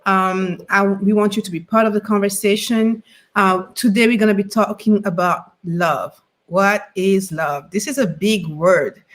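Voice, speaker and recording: A woman hosting a live online panel discussion, welcoming and chatty with frequent pauses, on a video call. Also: medium pitch, fairly even intonation. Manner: welcoming, chatty, hesitant fillers. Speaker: host.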